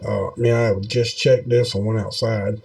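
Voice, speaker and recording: A man's voice: lowish voice, flat delivery, moderate pace, creaky, a little mellow. A man giving casual, rambling video commentary in a folksy, meandering way, with many fillers. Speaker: video host.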